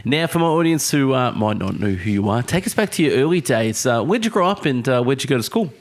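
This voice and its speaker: Brief: male podcast host, medium pitch, upbeat, quick acknowledgments then questions. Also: big pitch swings. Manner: upbeat, short affirmations before questions. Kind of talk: interview questions.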